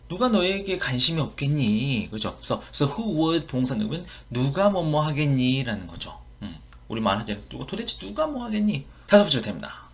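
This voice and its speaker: A man's voice: on the high side, fairly bright tone. A man with a Korean accent teaching English expressions in an online lesson, repeating each phrase and explaining it.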